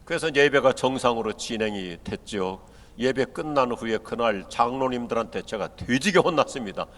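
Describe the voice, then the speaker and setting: A man's voice: medium pitch, normal speed. An older man with a Chungcheong Korean accent, preaching a humorous sermon to pastors and telling jokes. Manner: joking storyteller, acts out dialect and quotes in lively voices. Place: large church hall. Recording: long hall reverb.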